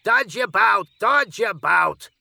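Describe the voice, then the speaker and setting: A man voicing a bossy farmyard goose in a storybook reading, giving high, urgent orders. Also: lively intonation, slow pace, vocal fry, sharp tone, dry recording, full character voice.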